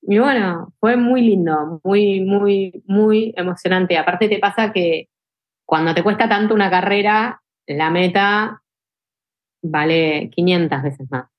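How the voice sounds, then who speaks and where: A woman's voice: medium pitch, takes it slowly, lo-fi sound. A young adult woman with a Rioplatense Spanish accent, telling emotional stories as a podcast guest in casual chat, with many fillers like "tipo" and "este". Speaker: ultra trail runner guest.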